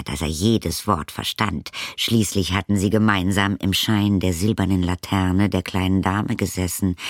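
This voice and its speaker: A man reading a children's storybook aloud in a calm, unhurried manner. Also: low-pitched, no room sound, studio quality. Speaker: narrator. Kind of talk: storybook audiobook narration.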